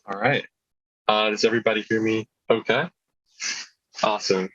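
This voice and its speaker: A young man from California's Central Valley introducing himself as a student panelist, relaxed and easygoing, over a video call. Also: lowish voice, normal speed, no room sound, dull audio. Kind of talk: casual self-introduction.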